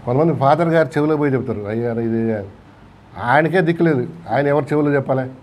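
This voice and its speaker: A man's voice: on the high side, rapid-fire, a little mellow. A man with a Telugu accent preaching a sermon in a church, asking the congregation questions and acting out quotes along the way. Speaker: pastor. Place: church hall.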